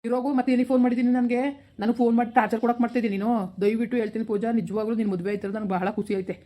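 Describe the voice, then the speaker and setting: A woman doing a stern young village guy, rural kannada accent, rattles it off fast, dark mellow voice. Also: fairly high pitch, little pitch movement, natural voice. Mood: cold. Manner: curt, dismissive, repeats his refusal. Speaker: actor in a village skit. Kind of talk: village skit acting.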